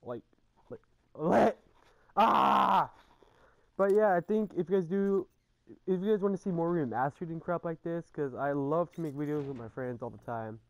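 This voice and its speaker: A man's voice: on the high side, brisk, mellow, dry recording. A young man chatting casually over video game sounds as a gaming YouTuber, rambling and repeating himself with slangy, sweary talk. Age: young adult. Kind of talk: casual chat over gameplay. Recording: noisy, game gunfire behind voice. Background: video game gunfire and ambience.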